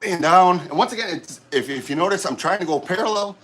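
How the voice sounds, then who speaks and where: A middle-aged man, out of breath, chatting casually with viewers of his livestream during a gym workout, halting and rambling with many restarts. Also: sits high, fairly bright tone, a little hiss or hum. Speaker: livestream host. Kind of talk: casual chat while working out on a livestream. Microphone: camera set up nearby.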